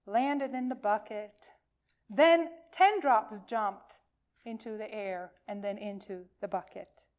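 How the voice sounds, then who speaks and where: A high-voiced woman reads a children's story aloud for a congregation, delivering it expressively with emphasis and purposeful pauses.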